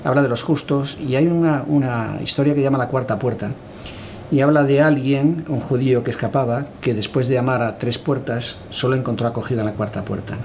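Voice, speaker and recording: A middle-aged man from Galicia answers interview questions in a calm, reflective way. His pitch sits in an ordinary middle range, and he often pauses on hesitant fillers as he gathers his thoughts. A faint hiss of background noise sits under his voice. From Galicia, Spain. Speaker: interview guest, cultural editor.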